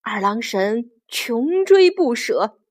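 A woman's voice: on the high side, very animated, slow pace. A woman narrating a children's story playfully, with sound effects and exclamations.

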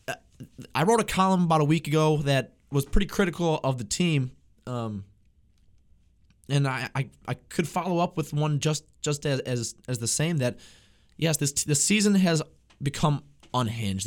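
A young man, a student reporter, hosting casual sports talk, often repeating words and restarting as he works through his thoughts. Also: mid-range voice. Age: young adult.

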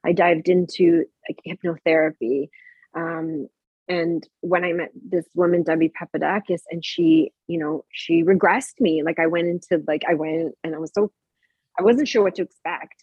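A podcast guest, a woman in her thirties, shares a candid personal story in a breathy, slightly husky, lowish voice at a moderate pace. She grows animated acting out remembered dialogue, and the close, dry recording sounds dull and muffled.

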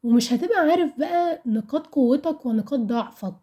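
A young woman around twenty speaks Arabic with an Egyptian accent. Her voice sits a little high, with a warm, relaxed tone. She talks like someone casually sharing personal reflections with listeners, candid and conversational, often putting questions to herself. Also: fairly quick. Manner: candid, conversational, asks rhetorical questions and answers them.

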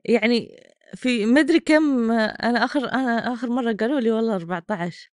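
A woman's voice: fairly high pitch, quick pace, darkish tone, no room sound, studio quality. A woman hosting a podcast, commenting on clips in a mocking, exasperated way. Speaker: podcast host reacting to clips. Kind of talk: sarcastic commentary.

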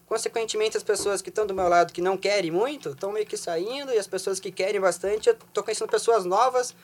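A Brazilian Portuguese-accented man telling a story as a podcast guest, slangy and animated. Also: high-pitched, quick pace. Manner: slangy, animated, laughs often. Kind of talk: casual storytelling chat.

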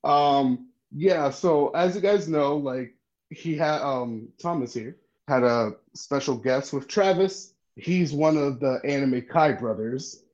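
A man's voice: medium pitch, takes it slowly, a little mellow, lo-fi sound. A man on a podcast as a guest, chatting in a friendly way with many ums and restarts. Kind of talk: casual podcast chat.

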